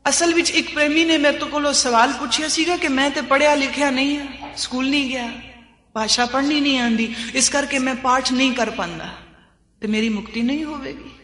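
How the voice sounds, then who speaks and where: A woman's voice: high-pitched, brisk, fairly bright tone. A woman preacher giving a devotional sermon in an earnest, repetitive preaching cadence. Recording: echoey hall with long reverb.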